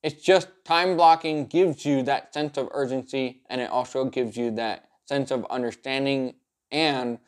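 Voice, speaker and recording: A man with a mid-pitched voice talks directly to the viewer as a self-improvement coach. He is upbeat and encouraging, setting out advice in an orderly, instructional way and repeating points to stress them. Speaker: self-improvement coach presenting a video series. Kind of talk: structured advice vlog talking to viewer.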